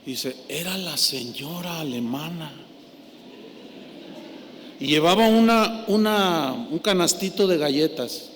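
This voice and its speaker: High-voiced preacher in a hall. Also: male voice, slow pace, long pauses. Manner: animated, swings from hushed to loud. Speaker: pastor. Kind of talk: sermon storytelling. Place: large church hall. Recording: echoey hall, faint noise.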